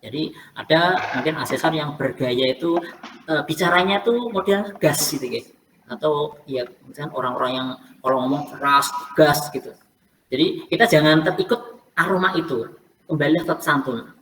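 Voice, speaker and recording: A woman's voice: deep voice, moderate pace, a bit bright. A woman coaching teachers for selection interviews, explaining in a casual way and repeating her key points. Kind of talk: online coaching session talk. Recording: faint noise, somewhat distant from the mic.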